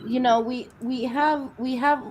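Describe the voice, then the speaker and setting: A woman's voice: high voice, steady tone, a little mellow, slight background noise, rough recording. A woman from Venezuela in a casual group chat, speaking reflectively with frequent restarts. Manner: halting, restarts often, reflective. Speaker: chat participant.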